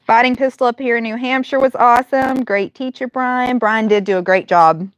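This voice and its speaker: A woman in her thirties hosting a casual livestream Q&A, chatty and quick to laugh, with many fillers and restarts. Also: a little high, fairly even intonation, no room sound, muffled recording. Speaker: livestream host and firearms medical instructor.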